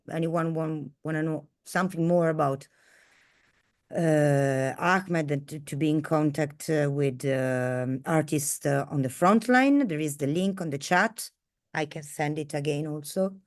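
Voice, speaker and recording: A woman moderating an online seminar over a video call, talking hesitantly with many pauses and fillers. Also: low-pitched.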